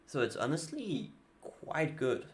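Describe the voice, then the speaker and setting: In this live gameplay commentary, a man with a Danish accent, a native Danish speaker, talks slowly in a medium-pitched, sing-song voice while he plays cards. He thinks aloud in a casual way with muttered asides, and a little hiss or hum sits in the recording.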